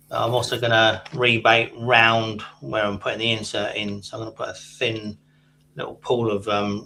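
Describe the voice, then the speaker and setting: A low-voiced man walks through his guitar build step by step, his tone bright but flat. A faint hum sits under his voice. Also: gravelly. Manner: explains his work step by step. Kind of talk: casual chat.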